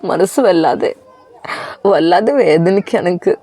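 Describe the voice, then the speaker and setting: A heartbroken young man speaks low and soft, slowed by sorrow, as a woman storyteller puts him on. Her voice drops under its usual pitch and stays mellow and dry. A quiet storybook part. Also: dry recording. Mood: sorrowful. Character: heartbroken young man leaving his mother.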